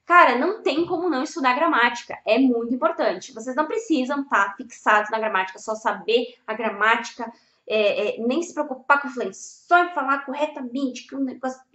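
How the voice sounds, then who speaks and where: A woman's voice: sits high, fairly quick, pushed and bright. A young woman giving a casual video lesson on language learning, blunt and emphatic, swearing freely. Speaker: Spanish teacher. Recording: echoey room, slightly dull audio.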